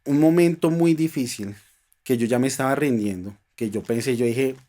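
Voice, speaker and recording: A man's voice: mid-range voice, moderate pace. Earnest Colombian man telling his story. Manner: earnest, emotional, speaks of faith, drops to soft tones at tense moments. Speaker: guest. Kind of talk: personal storytelling in a podcast interview.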